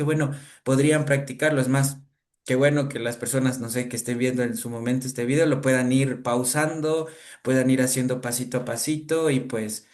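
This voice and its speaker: A young adult man, a clinical psychologist, calmly explaining a coping technique step by step with examples in an interview. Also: mid-range voice. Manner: calm, measured, teaching step by step with examples.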